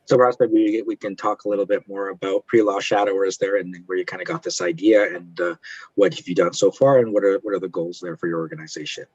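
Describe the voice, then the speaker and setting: Deep, husky male interview host. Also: steady tone, fast, a little mellow, no room sound. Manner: hesitant, many fillers. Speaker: host of a guest speaker series. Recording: dull, dry lo-fi audio.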